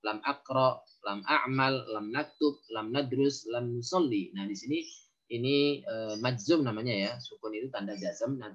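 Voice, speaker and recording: A male teacher giving a recorded grammar lesson. He reads Arabic phrases aloud, explains each one, and often fills pauses with "ya" and "eh". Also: medium pitch, fairly bright tone, slightly rough. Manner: frequent "ya" and "eh" fillers. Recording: dull, lo-fi recording.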